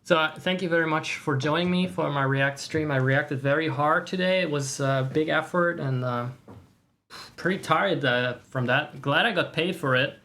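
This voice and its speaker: Livestream host, casual chat. Mid-range pitch, sarcastic, mock-boastful, foul-mouthed. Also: moderate pace, a bit bright. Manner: profane. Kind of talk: casual chat to stream viewers.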